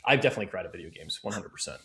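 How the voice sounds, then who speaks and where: A man's voice: deep voice, expressive, racing, a crowd in the background. A man co-hosting a podcast in casual conversation, enthusiastic and loose, dropping words like "dude". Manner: enthusiastic, uses filler like "dude". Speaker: podcast co-host.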